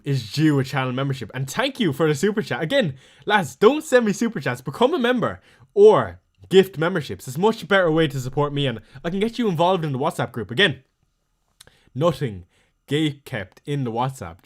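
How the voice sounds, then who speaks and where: A man with a thick Irish accent and a fairly high-pitched voice hosts a casual fantasy football live stream. He reads viewer messages aloud and answers each one quickly.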